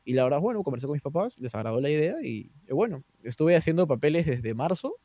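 A man's voice: on the high side, big pitch swings, fast talker, dark tone, no room sound. A young man with a Peruvian Spanish accent, a guest telling stories in a casual chat, full of fillers and tag questions. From Peru.

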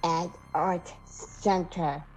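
A woman's voice: on the low side, fairly even intonation, drawn-out words, crowd noise. A woman co-hosting, giving a scripted introduction to a show. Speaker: co-host. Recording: noisy background ambience.

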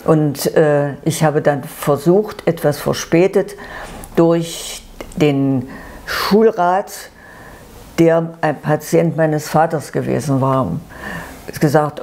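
Sweet, mellow-voiced very old woman reminiscing. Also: deep voice. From eastern Germany. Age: 90s. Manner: halting, searching for words, repeating herself. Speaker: grandmother recounting her life. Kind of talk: unscripted personal life story.

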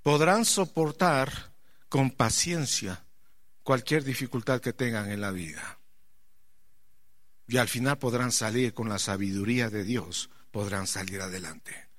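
A man preaching a sermon, impassioned and rising to near-shouts, putting questions straight to his congregation. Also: mid-range voice, a little slow. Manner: addresses the congregation directly with questions.

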